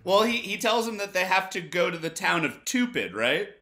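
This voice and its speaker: A man's voice: sits high, very animated, moderate pace, pushed and bright, faint music behind. A man co-hosting a movie podcast, recapping scenes with dry, wry humor. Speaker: podcast co-host. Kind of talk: casual movie review chat.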